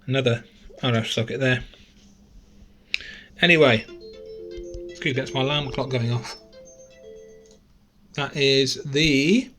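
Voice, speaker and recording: A man's voice: medium pitch, steady tone, slow, long pauses, fairly bright tone, soft background music. A man giving a casual, chatty phone teardown tutorial, thinking aloud and correcting himself as he goes, recorded on a camera mic at a desk indoors. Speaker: gadget reviewer.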